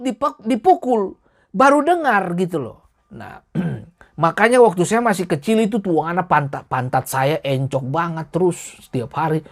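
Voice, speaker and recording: A middle-aged man preaching a sermon in a lively, colloquial way, addressing the congregation directly. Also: high voice. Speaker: pastor.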